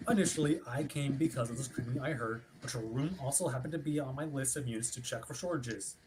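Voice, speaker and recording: Over a remote livestream, an actor reads a formal, wordy script as an officious ship's watch officer who is polite but pushy and insistent. The delivery is fast, medium in pitch and lightly acted, with a noisy background.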